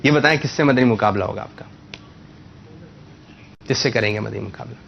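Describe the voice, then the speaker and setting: A man hosts a children's religious quiz in a TV studio. He speaks patiently and slowly repeats each answer to correct it. The sound is a little dull, with faint noise behind him. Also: mid-range voice, creaky. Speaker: quiz show host.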